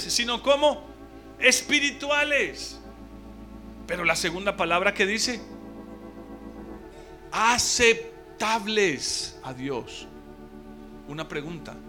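High, bright-voiced male preacher. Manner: emphatic, stretches key words, rhetorical questions. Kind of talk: sermon to a congregation.

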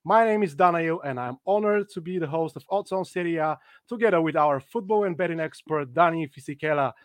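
A man's voice: a little high, a little fast, no room sound, clean studio sound. A man hosting a football betting preview live stream, upbeat and presenter-like. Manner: upbeat, scripted presenter delivery. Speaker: host.

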